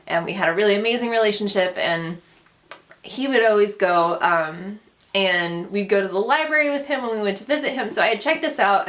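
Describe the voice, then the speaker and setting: Speaking to camera in a casual, personal storytelling style, a young Dutch-speaking woman vlogger comes across as earnest. A booktuber and vlog host raised first in the Netherlands and later in the United States, she has a mid-range, fairly bright voice.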